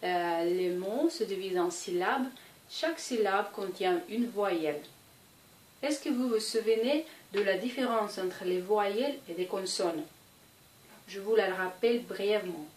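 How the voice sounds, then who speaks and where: Slow Russian-accented woman teaching. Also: medium pitch, darkish tone, distant mic, a little hiss or hum. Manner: patient and careful, drawing out example sounds. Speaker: language teacher. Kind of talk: explanatory lesson. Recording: echoey room, voice off-mic, faint ambience.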